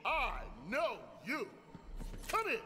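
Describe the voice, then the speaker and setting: An actor playing a tough, swaggering male fairy guardian in a video game, gruff and full of exclamations. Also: very high-pitched, sing-song, takes it slowly, noisy background, full character voice. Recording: game audio with long reverb.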